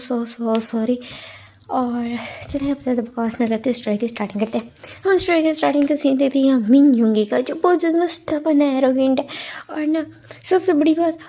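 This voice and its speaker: A woman's voice: high-pitched, dark tone. A young woman casually retelling a fanfiction story, chatty with lots of fillers and English words thrown in.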